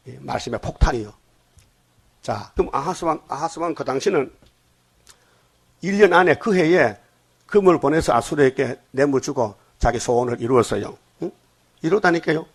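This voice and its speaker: A man's voice: mid-range voice, husky. Blunt Gyeongsang-accented older male preacher. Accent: Gyeongsang Korean. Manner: blunt, emphatic, asks the congregation questions. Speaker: pastor. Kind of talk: dawn sermon.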